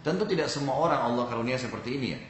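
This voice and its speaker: A man's voice: medium pitch, animated, racing, echoey room, slight background noise, poor audio. A man from Indonesia giving an Islamic sermon, telling a story and speaking directly to his audience. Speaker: preacher.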